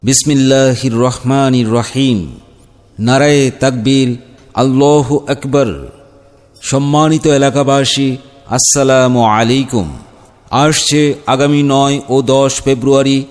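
A man reading a formal event announcement as if over a public loudspeaker, in a measured public-address delivery. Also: mid-range voice, level tone, smooth. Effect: announcement sounding through a loudspeaker with long reverb.

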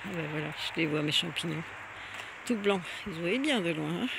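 A woman talks casually while walking outdoors, filming with a handheld camera. Her voice has a gravelly edge and swoops lively up and down. Outdoor noise and a barking dog are clear behind her. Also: normal speed. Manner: chatty, exclaiming, talks to a dog in a high coaxing voice. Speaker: nature vlogger. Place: outdoors, walking through a small village. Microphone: handheld camera she films and zooms with. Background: dog barking, outdoor ambience.

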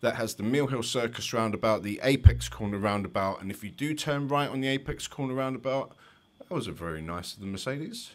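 A man's voice: medium pitch, expressive, a little fast. A man with a London accent, a driving instructor giving chatty, explanatory commentary over driving test footage with light jokes.

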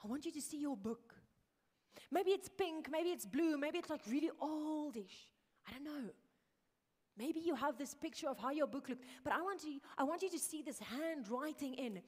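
A woman's voice: high-pitched, expressive, normal speed. Earnest woman preaching. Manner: earnest, drops to hushed whispers. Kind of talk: sermon. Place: church hall. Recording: reverberant church hall.

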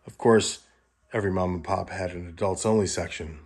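Wry low-voiced man narrating his tour. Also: steady tone, fairly quick, darkish tone, breathy edge. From Los Angeles, California. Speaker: home video store builder. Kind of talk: voice-over narration of a home tour.

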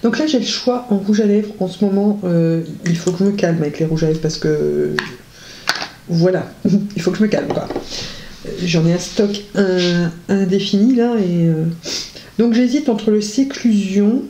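A woman's voice: fairly low pitch, a little slow, noisy background. A woman casually reviewing makeup on her vlog, chatty and enthusiastic, with many hesitations and gushing words of praise. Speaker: beauty vlogger. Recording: roomy echo.

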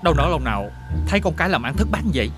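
An actor playing a broke, crude gambling brother in a TV folk-tale drama, with a rough, blustering manner. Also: male voice, on the high side, big pitch swings, very fast. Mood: gruff. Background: music.

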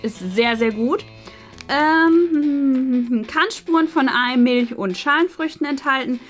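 Speaking slowly in a high, fairly bright tone, a woman in her thirties enthusiastically unboxes an advent calendar for her viewers. Faint music runs behind her in a small furnished studio.

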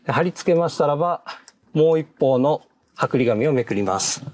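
A man giving a polite, measured, step-by-step how-to narration on fitting car parts, marking each step with a short "hai". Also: fairly high pitch, expressive, a little mellow. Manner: polite, measured, repeats "hai" between steps. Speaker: product installation instructor.

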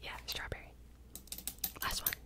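Young female whisperer for fast ASMR whispered role-play: brisk exam-giver, close-miked, clipped and repetitive. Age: young adult. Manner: fast, brisk, clipped instructions with repeated short words. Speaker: ASMR creator playing a cranial nerve examiner. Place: small indoor home room. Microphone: large microphone close in front of the mouth.

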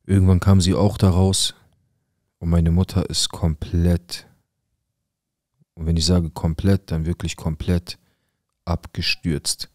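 A man's voice: low voice, level tone, unhurried, pauses often, darkish tone, no room sound, studio quality. A young adult man telling his own painful life story in an intense, blunt, emotional way. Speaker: storyteller sharing a personal story. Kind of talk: personal storytelling.

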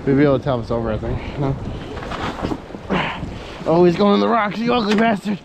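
Young man, slightly high voice, chatty and excited, outdoor body cam with steady wind and water noise. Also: a little fast, dull audio. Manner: excited, joking, short instructions. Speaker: angler filming his fishing trip. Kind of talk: casual chat while fishing at night. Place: outdoors on a lake pier at night.

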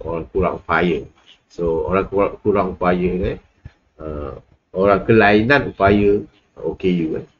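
A man's voice: low-pitched, muffled recording, slight background noise. A man with a Malaysian accent lecturing a class in a casual, rambling way, full of fillers and asides. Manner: rambling, with many fillers and laughs.

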